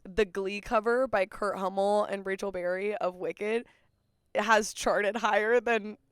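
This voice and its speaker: A woman's voice: medium pitch, fairly even intonation, measured pace, clear, resonant tone, no echo. A young woman co-hosting a podcast, chatting casually and playfully, often laughing. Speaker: podcast co-host. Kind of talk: casual chat.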